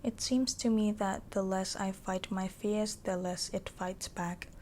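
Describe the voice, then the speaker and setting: A woman voicing a caring girlfriend in an ASMR role-play, soft breathy pillow talk, as if reading her partner to sleep. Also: mid-range voice, steady tone, drawn-out words, slight background noise. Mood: soothing, tender.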